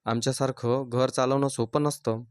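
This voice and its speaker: A man voicing a jealous, sharp-tongued young sister-in-law who taunts and scorns. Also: mid-range voice, fairly even intonation, moderate pace, clear, resonant tone, no room sound, clean studio sound, close to an everyday voice. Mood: scornful.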